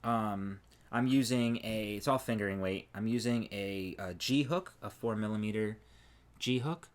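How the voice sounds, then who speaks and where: Relaxed male crochet podcast co-host. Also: fairly low pitch, moderate pace. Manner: relaxed, trails off and restarts while showing work. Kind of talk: casual chat about crochet.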